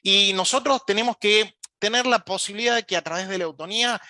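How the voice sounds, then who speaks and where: A man with an Argentine Spanish accent gives a recorded lecture on emergency communication, often pausing on fillers and checking in with his audience. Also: sits high, sharp tone, no room sound. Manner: asks the audience frequent check-in questions; frequent hesitation fillers.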